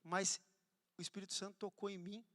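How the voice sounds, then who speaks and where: A man preaching a sermon, telling a story with animated swings from loud to hushed. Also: sits high, a little fast. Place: church hall. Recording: church hall with long reverb.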